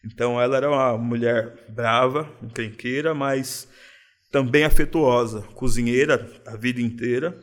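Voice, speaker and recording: Relaxed São man, slang-heavy. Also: mid-range voice, normal speed. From São Paulo, Brazil. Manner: relaxed, reflective, uses street slang. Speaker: guest. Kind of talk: casual interview.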